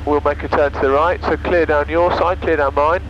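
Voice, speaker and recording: Flying a passenger in a microlight, a man chats casually from the cockpit, his speech picked up by an aircraft headset that sounds dull under heavy engine noise. His voice is a little high and brisk, with fairly even intonation.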